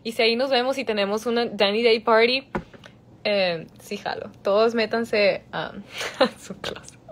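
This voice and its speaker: In a relaxed phone-livestream Q&A, a young woman reads out fans' questions and responds in both Spanish and English, chatty and full of giggles. Her voice is fairly high and her pace measured, with a little hiss or hum in the audio.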